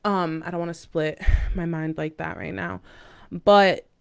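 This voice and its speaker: A smooth, clear-voiced woman, pitched a little low, reads horoscopes and tarot cards for her viewers. Her delivery is casual and mystical, halting now and then for informal, intuitive asides. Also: flat delivery.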